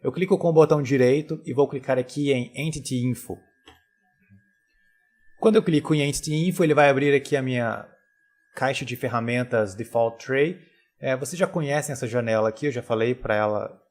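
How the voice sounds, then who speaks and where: A man, teaching a software tutorial over a screen recording in a relaxed, casual way full of tag questions. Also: medium pitch, fairly quick.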